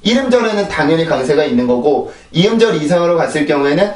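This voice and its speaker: A man's voice: fairly high pitch, animated, fast. A man teaching English pronunciation, explaining step by step and repeating drill words three times. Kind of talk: pronunciation lesson. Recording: echoey room, voice a bit far from mic.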